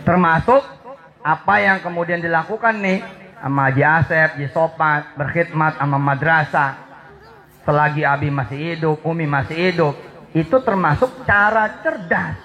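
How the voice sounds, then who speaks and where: A male preacher delivers a lively sermon to a gathering. He talks straight to his listeners, repeats key words, and swings from soft asides to shouted emphasis. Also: a little high, normal speed, a little hiss or hum. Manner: addresses the audience directly and repeats key words.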